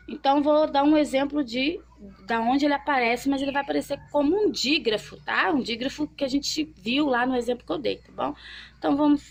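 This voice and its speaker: A young woman teaching a children's literacy lesson, drawing as she talks and slowly sounding out syllables, often checking in with the listener. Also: high-pitched, creaky. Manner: checks in often with tag questions.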